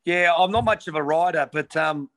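Answering interview questions with frequent ums and restarts, this Western Australian ex-footballer in his thirties keeps things casual. His voice runs on the high side and a bit bright, at a normal pace.

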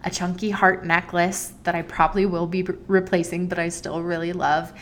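A woman's voice: lowish voice, flat delivery, normal speed, a little hiss or hum. A young adult woman hosting her solo podcast, chatty and enthusiastic with playful emphasis. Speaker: podcast host.

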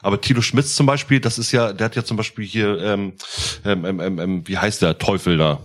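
A man co-hosting a casual podcast, telling lively anecdotes with casual swearing. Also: lowish voice, fairly quick. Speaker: podcast co-host.

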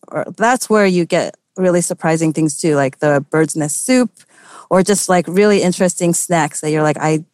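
A young woman talks in a loose, chatty way, leaning on fillers and little laughs as she answers questions. Her voice sits a bit low for a woman. The sound is dry and close, with no room around it. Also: darkish tone, clean tone, no echo. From United States. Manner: chatty, lots of "like" and "you know", light laughs. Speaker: journalist guest. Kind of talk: casual interview answers.

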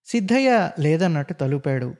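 A man narrating a story in an expressive, dramatic reading. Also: a little high, moderate pace.

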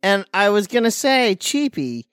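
A man's voice: sits high, big pitch swings, a little slow, fairly bright tone, smooth, no room sound, studio quality. A man co-hosting a podcast in casual chat, talking in a chatty, hesitant way with many restarts. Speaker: podcast co-host.

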